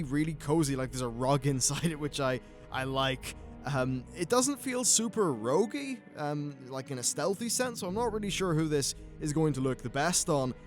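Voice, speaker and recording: A man with a British accent giving casual, conversational and opinionated commentary as a gaming video host. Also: fairly high pitch.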